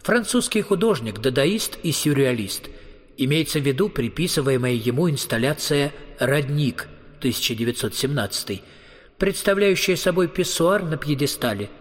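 A man narrating a novel as an audiobook reader, in an even, wry storytelling manner. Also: on the high side, normal speed, dry recording, clean studio sound.

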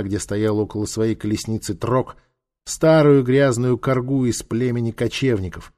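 Brief: male audiobook narrator, even mid-pitched storytelling. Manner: steady storytelling.

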